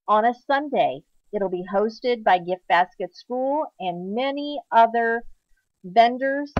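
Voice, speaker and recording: Woman, conference announcement, slow deliberate delivery, occasional ums, muffled dry recording. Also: fairly high pitch, no room sound. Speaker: gift basket school owner announcing a conference. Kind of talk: slide-show promotional voice-over.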